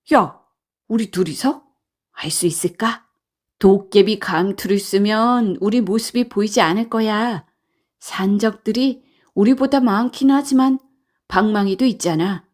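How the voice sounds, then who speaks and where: A woman's voice: on the high side, a little slow. A woman voicing a pair of mischievous storybook goblins who chat eagerly and plot together. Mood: playful. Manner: chatty, excited, conspiratorial.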